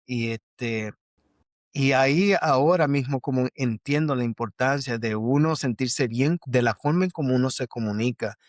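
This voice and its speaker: A man's voice: mid-range voice, moderate pace, dry recording, studio quality. A man hosting a conversational interview podcast, speaking hesitantly with frequent restarts and effusive thanks. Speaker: podcast host.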